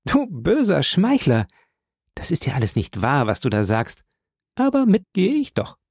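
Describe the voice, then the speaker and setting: A man voicing a sweet, eager young woman in a read-aloud story, speaking higher and lighter. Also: wildly swooping pitch, normal speed, a little mellow, husky, no room sound, studio quality, exaggerated voice. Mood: teasing.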